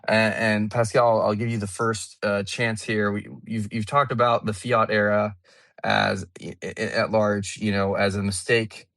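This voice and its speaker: A low-pitched man hosts a live audio panel in a loose, chatty way, often restarting his sentences. The sound is dry and close, with no room around it. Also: a little slow, creaky, no echo. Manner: relaxed, chatty, many fillers and restarts. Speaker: host. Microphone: remote audio call.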